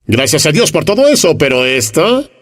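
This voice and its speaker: A man preaching a sermon, animated and full of rhetorical questions, sometimes acting out the voices of the people he quotes. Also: a little high, normal speed.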